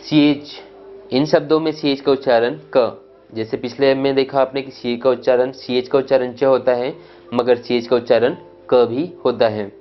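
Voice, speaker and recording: A man teaching English pronunciation, reading out word lists one by one and often checking "clear?" with his students. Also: mid-range voice, steady tone, moderate pace, dull audio, soft background music. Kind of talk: pronunciation lesson.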